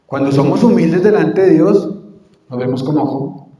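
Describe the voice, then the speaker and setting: Predicador de voz aguda en una sala con mucho eco. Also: male voice, a little high, normal speed, mellow. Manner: asks the congregation questions and answers them himself. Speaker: preacher. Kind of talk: sermon. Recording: echoey church hall with long reverb.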